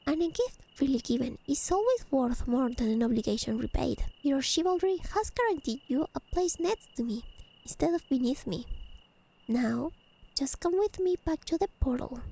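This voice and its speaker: With crickets chirping in the background, a woman in soft-spoken ASMR roleplay takes the part of a haughty fae lady from the high realms. Her voice is high and mellow with a creaky edge, her phrasing elegant and formal, and her tone teasing, possessive, earnest and insistent. The audio quality is poor.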